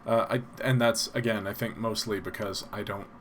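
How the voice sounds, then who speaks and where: A man hosting a casual live stream in a soft, breathy, low-spoken voice with an old-timey radio announcer delivery, rambling and self-deprecating. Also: steady tone, moderate pace, a little hiss or hum.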